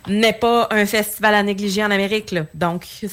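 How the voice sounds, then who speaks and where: A woman's voice: mid-range voice, steady tone, fairly quick. A woman co-hosting a radio show, talking casually with a Québécois accent, with many fillers as she reads out listener messages. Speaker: radio co-host.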